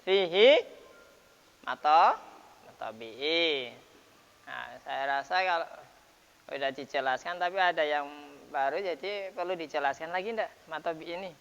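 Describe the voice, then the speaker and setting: A man teaching the rules of Quran recitation in a relaxed lesson, explaining step by step with frequent checks and fillers. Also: a little high, moderate pace, vocal fry, smooth. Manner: explains patiently with many repeated checks and fillers. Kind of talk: informal tajwid lesson. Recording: dull lo-fi sound, long reverb.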